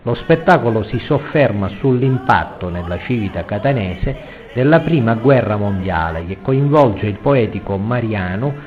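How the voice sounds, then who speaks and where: A man's voice: on the low side, animated, normal speed. A man reading a scripted theatre review as the narrator of a report. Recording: muffled, loud music behind voice. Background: music.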